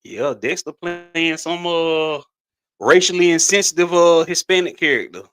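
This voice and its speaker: Middle-aged guy just shooting the breeze on a podcast, kinda high voice, bright and sharp, rambles and restarts a lot. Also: measured pace, clear, resonant tone. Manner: laid-back, rambling with repeated restarts and laughter. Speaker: podcast co-host. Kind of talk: casual chat.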